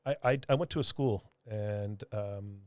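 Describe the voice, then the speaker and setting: A man, a comic book artist, telling a heartfelt story in a podcast interview, halting with many restarts and fillers. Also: fairly low pitch, dry recording. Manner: earnest, heartfelt.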